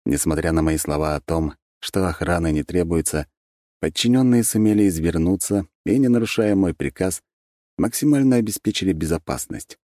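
Male audiobook narrator, measured and even, low voice, dry booth. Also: dry recording. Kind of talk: scripted narration.

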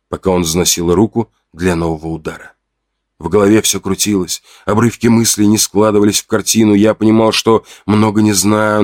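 A man's voice: fairly low pitch, no room sound, studio quality. A man giving a tense, dramatic first-person audiobook narration.

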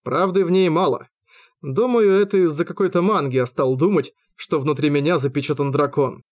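A man narrating an amateur audiobook in the first person, with an expressive, wry, self-mocking delivery. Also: on the high side, brisk.

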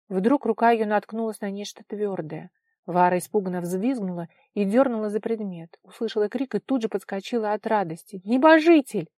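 Woman narrator, audiobook, expressive, medium pitch, dry close recording. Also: dry recording.

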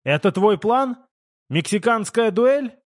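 A man's voice: high voice, wildly swooping pitch, a little slow, pitched above the performer's own voice, heavily acted. A man voicing a tense American pilot who talks in a strained, panicky way. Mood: panicked.

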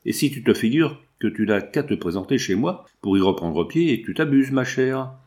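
A man's voice: mid-range voice, animated, moderate pace, darkish tone, lightly acted. A man reading aloud in the part of a jilted young man who grumbles and sulks. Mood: sulky. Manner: grumbling, vexed. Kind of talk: audiobook reading.

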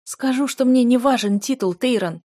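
Woman doing lovesick young heroine, pleading, emotional, loud, dry close sound. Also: mid-range voice, a little fast, no room sound, close to an everyday voice. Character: desperate young woman in love, a student.

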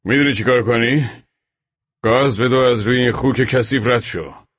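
A cruel, sneering guard, played by a man for a storybook audio drama. The voice is husky and menacing, low for the actor, with a dull lo-fi sound. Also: fairly bright tone, no echo. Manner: contemptuous, menacing. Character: cruel sneering male prison-camp guard.

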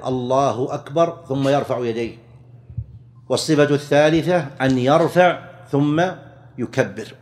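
A man teaching Islamic jurisprudence, methodically enumerating rulings and slowly drawing out the phrases he quotes. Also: mid-range voice, darkish tone. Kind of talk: explaining a fiqh text lesson.

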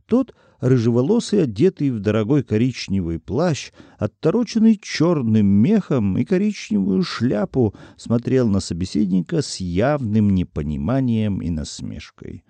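A man narrating an audiobook in an expressive storytelling manner. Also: medium pitch, a little slow, vocal fry, hardly any pauses, no echo.

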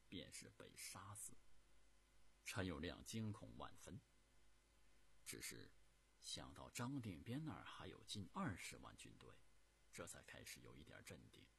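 A man narrating a historical story dramatically, jumping from loud bursts to hushed whispers. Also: low-pitched, gravelly, a little hiss or hum.

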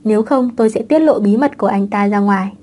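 A woman's voice: mid-range voice, fast, warm tone, natural voice. A woman voicing a playful, scheming young mother who talks breezily and teases, in an audiobook reading. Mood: breezy.

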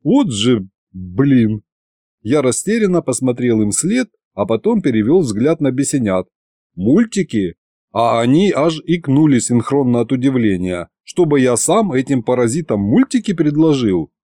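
A man narrating a first-person audiobook in an animated, ironic storytelling manner. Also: mid-range voice, moderate pace, hardly any pauses, no echo, clean studio sound.

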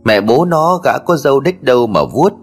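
A man's voice: medium pitch, expressive, normal speed, breathy edge. A man narrating a comic folk tale in a colloquial, earthy and mocking way. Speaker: storyteller. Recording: faint music underneath.

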